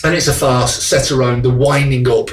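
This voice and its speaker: A man's voice: medium pitch, steady tone, normal speed, echoey room, distant mic. A man, an actor co-hosting a radio show, chatting casually with self-mocking jokes.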